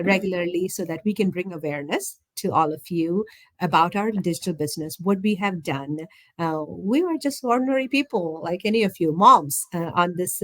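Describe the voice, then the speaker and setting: A woman hosting an online interview over a video call, upbeat and chatty with many fillers. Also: medium pitch. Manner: upbeat, lots of fillers and laughs. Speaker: host. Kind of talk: casual interview chat. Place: home.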